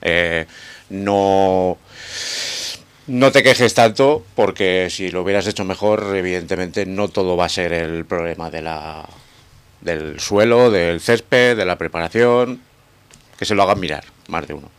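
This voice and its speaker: A man's voice: deep voice, unhurried, clear, resonant tone. A man in a casual sports radio debate, giving firm, emphatic opinions.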